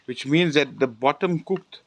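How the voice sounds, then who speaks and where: A man hosts a casual food-tasting video, sounding enthusiastic and pausing in halting bits while he chews. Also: a little high, a bit bright. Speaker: host.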